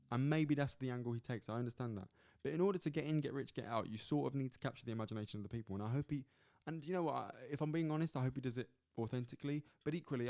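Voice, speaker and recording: A man hosting a solo sports podcast, reviewing fights in a loose, animated way, swearing and repeating himself as he goes. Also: medium pitch, dry recording, clean studio sound. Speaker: podcast host. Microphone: camera at close angle.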